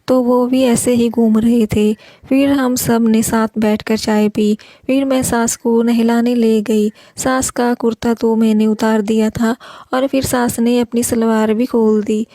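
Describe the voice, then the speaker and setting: A woman reads a first-person story aloud in a steady audiobook manner. Her voice sits a little high but stays flat in pitch, with a soft, mellow tone. It is recorded close and dry. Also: dry recording. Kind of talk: read-aloud audiobook narration.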